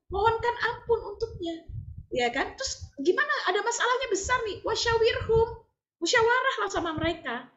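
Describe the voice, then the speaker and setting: An older woman teaching a religious study group, animated and often asking her listeners to agree. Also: extremely high pitch, reverberant, lo-fi sound.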